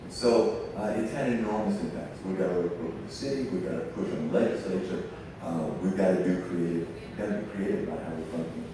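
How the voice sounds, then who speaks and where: A man's voice: sits low, quick pace, background noise. A man speaking at a public forum about school funding, emphatic and full of rhetorical questions. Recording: echoey room, mic far off.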